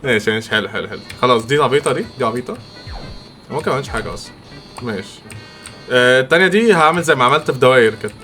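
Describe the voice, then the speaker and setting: A young man with an Egyptian accent commentating his own gameplay, excitable and quick to react loudly. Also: mid-range voice, faint music behind. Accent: Egyptian Arabic. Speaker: gamer. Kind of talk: let's-play game commentary.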